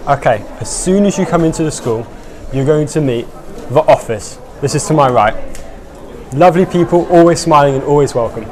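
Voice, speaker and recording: Young male student guide, even delivery. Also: fairly high pitch, brisk, a crowd in the background. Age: young adult.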